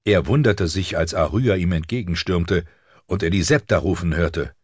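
Deep husky male audiobook narrator. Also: no room sound, studio quality. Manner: measured, even storytelling. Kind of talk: scripted narration. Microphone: studio microphone.

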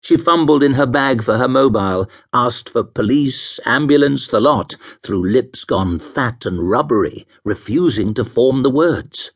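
A male audiobook narrator reads a thriller in a measured, expressive way. His husky voice moves slowly and rises and falls freely. Every phrase is placed with care. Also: medium pitch. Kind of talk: scripted narration.

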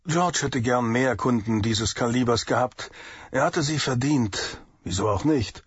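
A man narrating an audiobook thriller in a steady, measured way, in a dull lo-fi recording. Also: mid-range voice, breathy edge, no room sound. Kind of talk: scripted narration.

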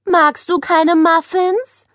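A woman reading an audiobook voices a chatty, excitable schoolgirl who gushes over everything. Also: extremely high pitch, slow, dry recording, clean studio sound, voice pushed up. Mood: bubbly. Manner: gushing, excitable. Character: chatty schoolgirl, spoiled but friendly now.

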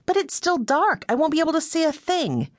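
A woman's voice: sits high, very animated, a little fast, no room sound, clean studio sound, voice pushed up. A woman narrator voicing a spirited young woman who scolds and teases in a wry way. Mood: scolding.

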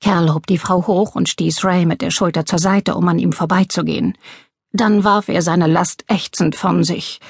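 A woman reading a crime novel aloud in steady, measured audiobook narration. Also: lowish voice, husky, no echo, studio quality.

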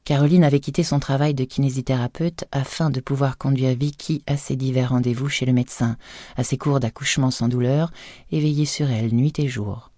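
A woman reads a thriller audiobook in a measured, even storytelling manner. Her voice has a mellow, dark color. It is recorded close and dry on a studio microphone. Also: extremely low pitch, no echo. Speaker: audiobook narrator. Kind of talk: scripted audiobook narration.

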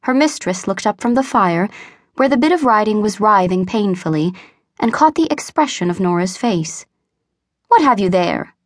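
Brief: female audiobook narrator, mid pitch, measured storytelling, dry booth sound. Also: expressive, dry recording.

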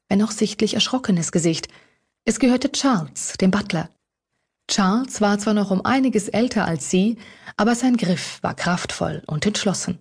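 A woman narrating a fantasy audiobook with a husky, slightly breathy voice. Her reading is measured and expressive, at a middle pitch.

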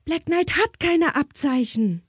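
Woman doing a squeaky-high horse-crazy teen girl, eager and urgent, dry close audiobook sound. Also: lively intonation, moderate pace, sharp tone, no echo, exaggerated voice. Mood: hushed urgent. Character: excited teenage girl, horse-mad daughter.

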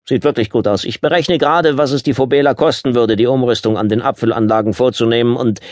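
Ein Mann spielt einen gereizten, selbstgefälligen Ehemann. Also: male voice, mid-range voice, steady tone, quick pace, a little mellow, no echo, studio quality, pitched above the performer's own voice, close to an everyday voice. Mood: jovial. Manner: herablassend, am Telefon aufgesetzt jovial.

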